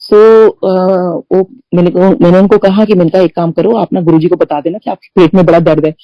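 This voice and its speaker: A woman's voice: on the low side, steady tone, brisk, mellow, dry recording, highs cut off. A middle-aged woman shares personal experiences in a chatty devotional talk, often slipping English phrases into her speech. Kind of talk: spoken testimony in a satsang.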